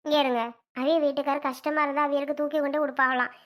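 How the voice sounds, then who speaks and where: A woman's voice: little pitch movement, very fast, a bit bright. A woman voicing a put-upon village wife who argues back and pleads, in a homemade comedy skit. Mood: defiant. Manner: pleading, then shrill and alarmed.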